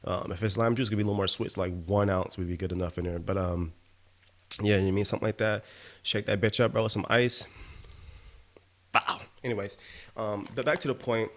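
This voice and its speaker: A man's voice: fairly low pitch, fairly even intonation, fast, pauses often, fairly bright tone. A man hosting his own podcast, telling stories in a loose, profane way and often asking "you know what I mean", a bit tipsy from drinking. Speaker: podcast host. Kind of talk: casual monologue.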